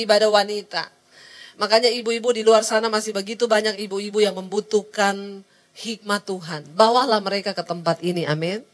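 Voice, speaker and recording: A middle-aged woman, preaching a sermon to a women's service, telling a story and acting out its people, with frequent call-outs to the congregation. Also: medium pitch. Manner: acts out the people in her story.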